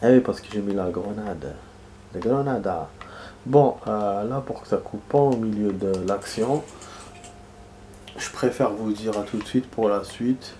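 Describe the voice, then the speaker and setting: This gaming video host, speaking in a lowish, mellow voice at a measured pace, sounds nasal because he has a cold. His casual commentary while playing wanders, packed with fillers and restarts, and the recording carries a little hiss or hum.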